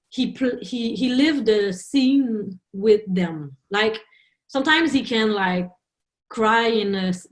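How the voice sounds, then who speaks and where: A woman film director, a native French speaker, speaking English in an interview, halting and searching for words. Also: mid-range voice. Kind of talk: interview talk in a second language. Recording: roomy echo.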